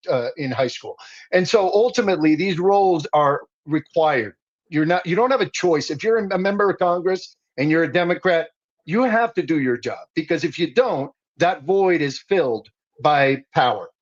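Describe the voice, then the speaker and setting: A man's voice: on the high side, expressive, moderate pace, dull audio. A man raised in the Dominican Republic, a guest activist speaking passionately and insistently in a political talk. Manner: impassioned, insistent, building emphasis.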